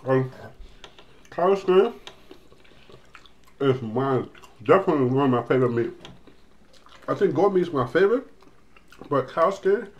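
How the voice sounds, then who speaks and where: A man's voice: mid-range voice, animated, measured pace, long pauses, highs cut off. A middle-aged man hosting a family eating video, rambling and explaining dishes to viewers. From Liberia. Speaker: cooking channel host. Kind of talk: casual family mukbang chat.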